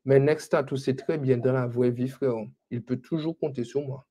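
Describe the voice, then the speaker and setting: A man's voice: mid-range voice, fairly even intonation, normal speed, mellow. A man hosting a casual live stream, teasing and scolding his viewers and laughing often. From French Antilles.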